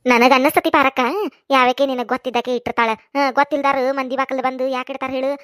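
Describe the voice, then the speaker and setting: A woman voicing an excitable gossiping village woman with a North Karnataka Kannada accent, in a cartoon. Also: high-pitched, very fast, no echo, clean studio sound.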